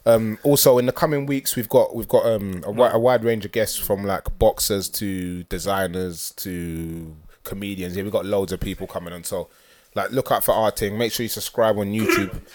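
A man's voice: lowish voice, fairly even intonation, normal speed, a little mellow. A young man with a London roadman accent hosting a podcast with casual, slang-filled banter, often repeating his phrases. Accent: London roadman, multicultural London slang. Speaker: podcast host.

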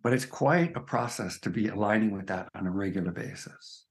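A spiritual teacher talks through his ideas in an earnest, emphatic way, stopping to ask "right?". His voice sits on the low side, with a gravelly fry under it. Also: brisk. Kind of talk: reflective conversation.

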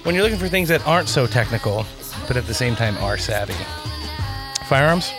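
A man's voice: mid-range voice, animated, fairly quick, over music. A man hosting a casual talk show, reading sponsor plugs and bantering playfully. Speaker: podcast host.

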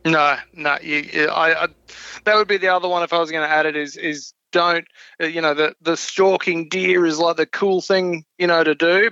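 A man's voice: on the high side, pushed and bright, clear, resonant tone, no room sound. A man with an Australian accent chatting casually as an interview guest, on a slightly dull recording. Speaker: podcast guest.

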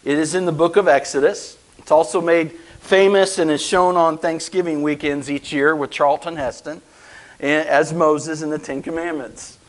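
A man's voice: a little high, fairly even intonation, moderate pace, poor audio. A man preaching a conversational sermon, often asking his listeners rhetorical questions. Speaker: pastor.

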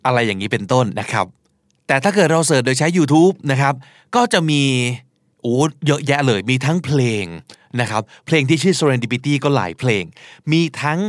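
Animated Thai man teaching English pronunciation. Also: a little high, no room sound, studio quality. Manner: lively, animated, emphatic word-by-word demonstration. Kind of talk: casual teaching with repeat-after-me drills.

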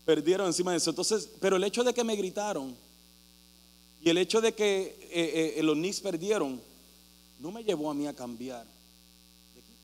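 A man preaching a sermon as pastor, telling a story animatedly and acting out shouting crowds. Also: sits high, animated, moderate pace, pauses often. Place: church hall. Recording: reverberant hall with mains hum.

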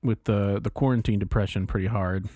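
A man's voice: fairly low pitch, fairly even intonation, brisk, dark tone, no echo, studio quality. A man chatting casually as a podcast co-host. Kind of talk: casual chat.

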